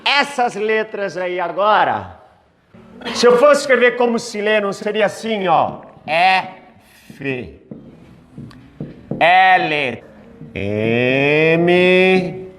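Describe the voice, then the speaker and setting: A woman teaching a basic English lesson, slowly drilling letters and sounds for the listener to repeat. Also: on the low side, expressive, a bit bright. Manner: slow, drilling letters for repetition.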